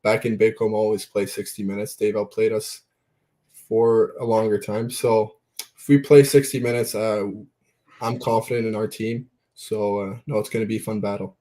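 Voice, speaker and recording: A young man born in Belgium answering interview questions in a relaxed, plain-spoken way with fillers. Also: fairly low pitch, normal speed. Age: young adult. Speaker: junior hockey player guest.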